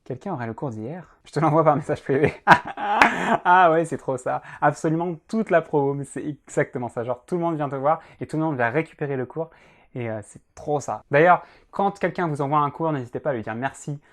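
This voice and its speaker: A man's voice: on the high side, fairly quick. Young male law teacher, casual reaction commentary, chatty, joking at his own expense. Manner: chatty, self-mocking, frequent "euh" and "hein".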